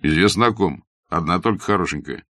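A man's voice: deep voice, brisk, fairly bright tone, no room sound, studio quality. A man voicing a blunt young doctor who is curt, ironic and matter-of-fact in an audiobook. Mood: wry. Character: blunt young male doctor, mocking and self-assured.

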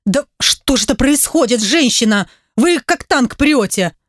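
A woman doing a loud brash friend shouting down the phone. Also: sits high, expressive, measured pace, no echo, studio quality. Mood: shouting, irritated. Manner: shouting, rude and impatient.

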